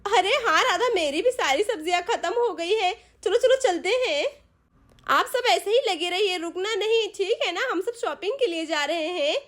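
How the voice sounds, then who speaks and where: Lady doing a bossy didi cooking up a prank, very high voice. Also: expressive. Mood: brisk. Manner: brisk, plotting. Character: bossy older sister-in-law, scheming and playful. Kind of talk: Hindi doll-story role-play.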